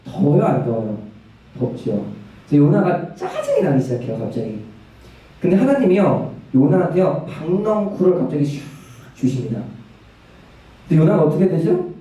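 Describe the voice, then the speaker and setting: A young man preaching a lively sermon in a church, telling a story with energy and putting questions to the congregation. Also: on the high side, normal speed, long pauses. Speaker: youth ministry preacher. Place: church sanctuary. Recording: echoey hall, mic from a distance.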